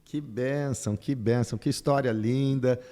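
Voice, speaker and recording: An older man, a pastor hosting a podcast, who opens with a slow, solemn prayer and welcomes his guest. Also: medium pitch, steady tone, warm tone, in a large hall.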